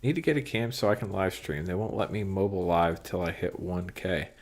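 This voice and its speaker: A man's voice: low voice, a little fast, faint music behind. A man streaming live from his card shop, casually reading card text aloud and chatting with viewers, with frequent ums. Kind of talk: casual livestream commentary on cards. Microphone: phone and computer stream setup.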